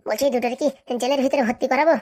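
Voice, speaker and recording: A woman's voice: sits high, fairly even intonation, very fast, a little mellow. A woman voicing an anxious, self-important female election candidate in a cartoon. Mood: fretful. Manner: fretful questioning.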